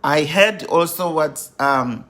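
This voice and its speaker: A woman in her fifties, a grief coach hosting a live stream, welcoming viewers over and over in an unhurried way with many fillers. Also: sits low, a bit bright. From Zimbabwe.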